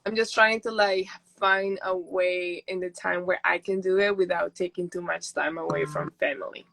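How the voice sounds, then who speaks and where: A woman's voice: fairly low pitch, fairly even intonation, normal speed, creaky, background noise. A young woman from Peru, a native Spanish speaker, chatting casually and laughing often as an interview guest. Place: houseboat.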